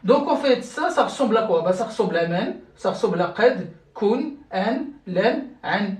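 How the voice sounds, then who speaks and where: A language teacher speaks at a moderate pace in a medium-pitched voice with lively intonation during a live-streamed lesson. The teaching is patient and step by step, with check-ins with viewers and words often restarted and repeated. The recording is roomy, made away from the mic.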